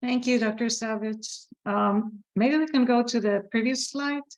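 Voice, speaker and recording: A middle-aged woman with an Ecuadorian Spanish accent, a program director, presents at a virtual open house over a video call. Her pitch is fairly high and her pace measured, with many fillers and restarts, and the recording quality is low.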